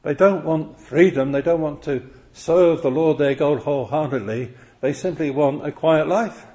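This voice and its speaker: A man's voice: fairly high pitch, moderate pace, warm tone. A man preaching an expository sermon, earnest and full of rhetorical questions.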